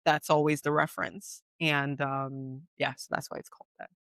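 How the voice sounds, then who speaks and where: A woman co-hosting a podcast in casual chat, an animated storyteller who leans on fillers. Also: deep voice, moderate pace, smooth, no echo. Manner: enthusiastic. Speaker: podcast co-host.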